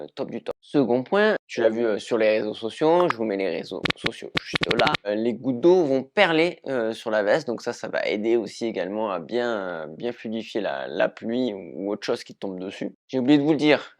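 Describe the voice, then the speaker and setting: A man, chatty and full of filler sounds, casually reviewing running gear just after a wet run. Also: on the low side.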